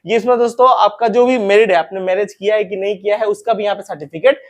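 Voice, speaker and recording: A man's voice: high-pitched, quick pace. A young man hosting an informal advice talk, chatty, repeating points and calling viewers friends and brothers. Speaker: recruitment info channel host.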